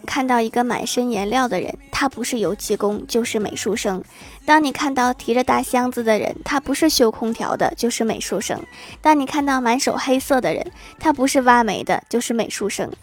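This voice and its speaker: Cheerful higher-voiced woman hosting a podcast. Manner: cheerful, laughs often while reading. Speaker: podcast host reading listener messages. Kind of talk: casual chat.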